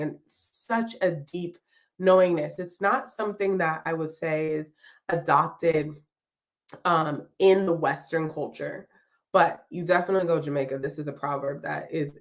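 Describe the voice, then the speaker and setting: A woman with a somewhat low voice hosts a live-streamed podcast from her home. She speaks warmly and reflectively, welcoming her audience and encouraging them. Her talk is unscripted and loose, with plenty of ums and restarts. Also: moderate pace. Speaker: podcast host.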